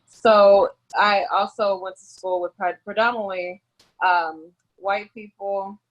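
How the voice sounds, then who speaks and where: A woman's voice: medium pitch, fairly even intonation, slow pace, rough recording. A woman from Dallas, a therapist and professor, introducing herself in a composed, matter-of-fact way. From Dallas, Texas. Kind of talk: panel introduction.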